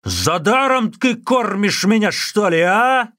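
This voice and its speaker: A man voicing a hot-tempered, hulking male monk warrior who bellows his words slowly and furiously, in a storybook reading. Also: sits high, lively intonation, no echo, clean studio sound, voice pushed up, full character voice. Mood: furious bellowing. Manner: shouting furiously, drawn-out words.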